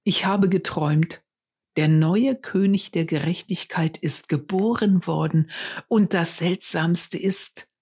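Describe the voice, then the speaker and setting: A gentle old shepherd, as a woman reads him in a storybook tale, speaking slowly and quietly and sinking into a breathy half-whisper. The voice is husky and sits a little lower than usual. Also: heavily acted. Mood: wondering, tender. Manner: slow, hushed, partly whispered. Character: old male shepherd dreaming of a king.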